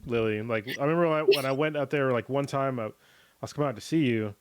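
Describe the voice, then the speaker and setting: A man's voice: mid-range voice, quick pace, clean tone, dry recording. A man hosting a podcast, rambling casually and laughing often, slightly under the weather. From California. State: getting over being a little sick. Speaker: podcast host. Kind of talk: casual chat.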